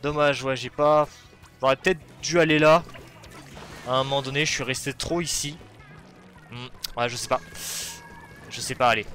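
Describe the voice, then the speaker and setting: A man talks through his own match as he plays it, bursting into yelps at close calls before easing back into chatty play-by-play. His voice sits at an ordinary middle pitch, close on a gaming mic. Faint music runs behind him. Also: moderate pace, pauses often. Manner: excitable, shouts at plays then talks himself down. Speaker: gaming video host. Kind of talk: live gameplay commentary. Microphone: headset or desk mic.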